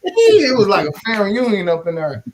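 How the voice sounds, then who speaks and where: Animated St. man telling stories. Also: sits high, a little fast, very noisy. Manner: animated, swearing storyteller. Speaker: community organizer. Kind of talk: casual chat.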